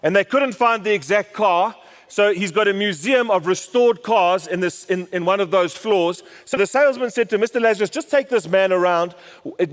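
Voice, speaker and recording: Preacher guy, pretty high voice, big echoey church hall, storytelling sermon that goes soft n slow on the key bits. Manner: story-driven, drops soft and slow for emphasis.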